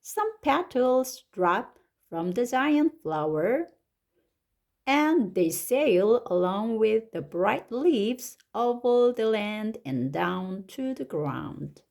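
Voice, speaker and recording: A woman with a Korean accent, reading an English picture book aloud slowly and expressively, like a teacher, with lively rises on the exciting words. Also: fairly high pitch, creaky. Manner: slow and deliberate, stretching words, with lively rises on exclamations. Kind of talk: slow, expressive storybook read-aloud.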